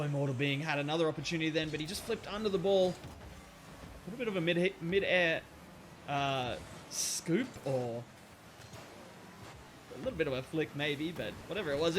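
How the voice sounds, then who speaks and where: A man casting an online car-soccer match with excitable play-by-play commentary, breaking into laughter and jumping up on near misses. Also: high voice, a little hiss or hum. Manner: excitable, laughs at plays, rises sharply on chances. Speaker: esports caster.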